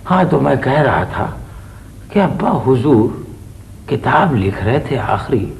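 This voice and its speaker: Vain old poet, comic stage play, animated exclaiming delivery, echoey hall. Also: male voice, medium pitch, slow, vocal fry, slight background noise, heavily acted. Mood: grumbling. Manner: theatrical, exclaiming. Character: aging male poet, pompous, fond of praise.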